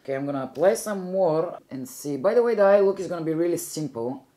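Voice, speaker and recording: This young beauty vlogger from Bulgaria talks fast, her fairly low, dark-toned voice full of lively intonation and a Bulgarian accent. Chatty and rambling during her makeup tutorial, she often corrects herself in the middle of a sentence.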